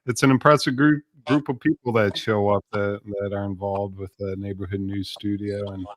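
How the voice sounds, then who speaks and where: A man's voice: on the low side, fairly even intonation, moderate pace, no room sound. A man hosting a talk show in a casual, hesitant way, often chuckling. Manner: hesitant, many fillers, chuckles. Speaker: show host.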